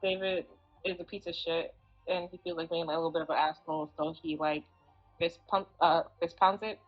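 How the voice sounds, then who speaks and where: Casting note: woman, lowish voice, offhand tabletop player, dull lo-fi audio, faint music. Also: fairly even intonation, fairly quick. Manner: casual, hesitant narration of her character. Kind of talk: playing a character in a tabletop role-play game.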